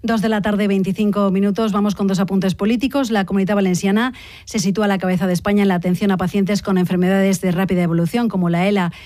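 Female news anchor, brisk scripted read, dry close studio sound. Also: mid-range voice, dry recording. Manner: brisk, steady newsreader delivery.

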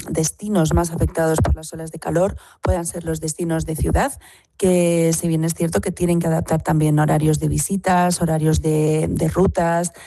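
Low creaky businesswoman in interview. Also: background noise. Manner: measured, a few fillers. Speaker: hotel association director. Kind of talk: interview soundbite.

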